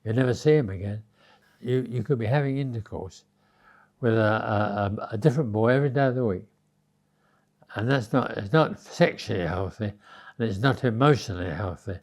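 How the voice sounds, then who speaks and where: A man's voice: fairly low pitch, moderate pace, a little mellow. A British man in his nineties with a very old man's voice, reminiscing conversationally and often repeating words as he searches for the next phrase. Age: 90s. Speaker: elderly interviewee reminiscing.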